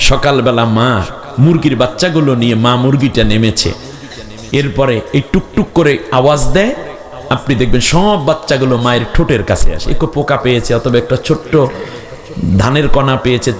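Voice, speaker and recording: A male preacher delivering a sermon at a religious gathering. He tells homely stories and often climbs to shouted calls for the crowd to answer him back. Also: mid-range voice. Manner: storytelling with homely examples. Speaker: Islamic preacher. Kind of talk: Bengali waz sermon with call-and-response.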